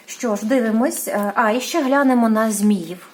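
A woman's voice: a little high, normal speed, darkish tone, a little hiss or hum. A woman from Ukraine giving a casual tarot reading, hesitant, with many fillers and restarts, apologizing for how she says place names. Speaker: tarot reader.

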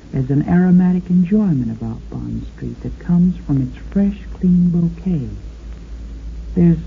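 A woman's voice: sits low, a little hiss or hum. An American woman playing an affectionate, lonesome radio sweetheart, coaxing her man in an intimate 1950s monologue. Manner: slow, intimate, coaxing, crooning endearments. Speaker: radio host and companion. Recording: muffled 1950s radio recording, organ music. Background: organ music.

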